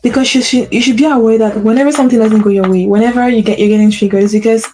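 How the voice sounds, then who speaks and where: Speaking very fast with a fairly high pitch and steady tone, a podcast host and spiritual coach addresses listeners directly in a mellow, soft-edged voice. Her solo motivational talk is earnest and repetitive, full of "right?" check-ins and self-corrections, and she mentions having a stutter. A faint hiss sits in the background.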